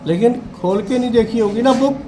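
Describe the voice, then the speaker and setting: A man teaching in a classroom, calmly coaxing students during a test and calling them by name. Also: extremely high pitch, a little fast, noisy background.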